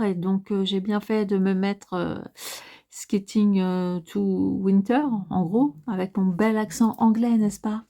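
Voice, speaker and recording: A woman talks through a crafting project at her desk at an unhurried pace, hesitating often. Her voice is mellow and warm, with a gravelly edge of vocal fry. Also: mid-range voice. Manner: hesitant, many filler sounds, slow and musing. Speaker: crafting vlogger. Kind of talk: casual step-by-step crafting narration.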